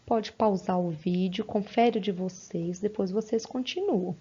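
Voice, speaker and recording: Slow, patient teacher woman, husky. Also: medium pitch, dark tone, lo-fi sound. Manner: patient, sounds out words syllable by syllable. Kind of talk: recorded lesson for young children.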